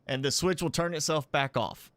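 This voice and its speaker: A man's voice: a little high, normal speed, a bit bright, clear, resonant tone, dry recording. A man hosting a casual live gameplay stream, thinking aloud as he builds, rambling and chuckling now and then. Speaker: gaming channel host. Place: indoors at home with a pet dog.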